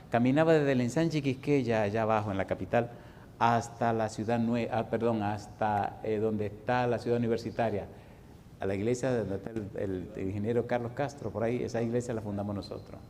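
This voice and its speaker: A Dominican man in his sixties preaching a sermon, swinging from loud exhortation to hushed, folksy storytelling. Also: mid-range voice, slight background noise. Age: 60s. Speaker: pastor.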